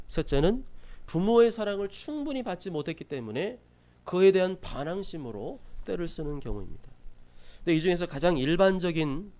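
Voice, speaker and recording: Lively, mellow-voiced Korean pastor preaching. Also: male voice, on the high side. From South Korea. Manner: lively preaching, acts out scolding parents in quick asides. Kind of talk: sermon. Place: church sanctuary.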